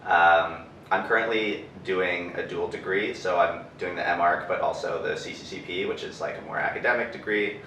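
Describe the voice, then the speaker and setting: Deep-voiced young man, relaxed and hesitant. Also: normal speed, hardly any pauses, a little hiss or hum. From Canada. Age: young adult. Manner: relaxed, hesitant, many fillers. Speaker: architecture student. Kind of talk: casual interview answers. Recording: echoey room, distant mic.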